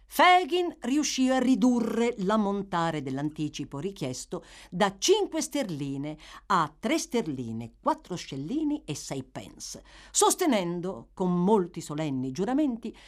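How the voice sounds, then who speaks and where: A woman narrating a classic novel with a theatrical, expressive delivery. Her pitch moves lively through the sentences. A polished audiobook reading. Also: takes it slowly. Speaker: audiobook reader. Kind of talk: scripted literary narration.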